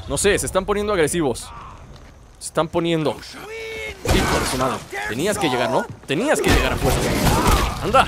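A young man with a Mexican accent giving chatty, excitable let's play commentary, talking to his companion as he plays. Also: fairly high pitch. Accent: Mexican Spanish. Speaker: gameplay channel host.

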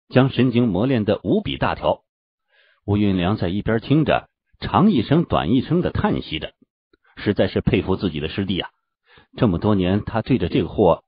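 A male audiobook narrator reading a fantasy novel, his lowish, husky voice swinging widely as he tells the story. The recording is dull and dry, with no room around it. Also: dry recording. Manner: animated storytelling.

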